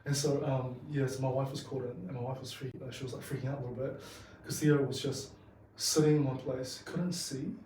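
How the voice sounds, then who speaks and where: Male podcast interviewer, New Zealand accent, soft dark tone, informal and matey, off the mic with slight noise. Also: mid-range voice, fairly even intonation, a little fast, few pauses. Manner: informal, matey, often saying bro. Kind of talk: casual interview chat. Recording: roomy echo, distant mic, faint noise.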